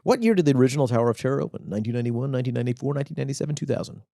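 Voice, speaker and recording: A man's voice: medium pitch, rapid-fire, creaky, mellow, no echo, studio quality. A man co-hosting a casual comedy podcast, teasing his partner and reading quiz questions aloud. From Southern California. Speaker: podcast co-host.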